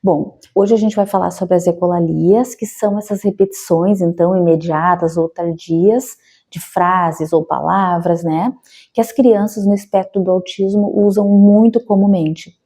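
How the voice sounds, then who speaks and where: A woman's voice: on the low side, steady tone, a little slow, mellow. A Brazilian educational psychologist, a woman, explains a topic to parents in a friendly, conversational way, often checking in with tag questions.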